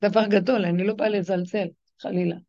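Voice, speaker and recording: A woman's voice: fairly even intonation, mellow. A woman religious teacher giving a spiritual lecture to her class. She retells stories emphatically, acting out the people in them. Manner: emphatic, acts out the people in her stories with sudden high swings. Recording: dull lo-fi recording.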